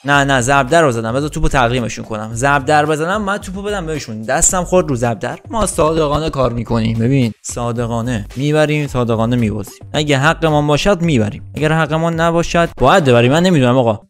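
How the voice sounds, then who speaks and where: A young man commenting excitedly on his own football video game match, shouting at the players and joking with viewers. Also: mid-range voice, hardly any pauses, faint music behind. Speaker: gaming YouTuber.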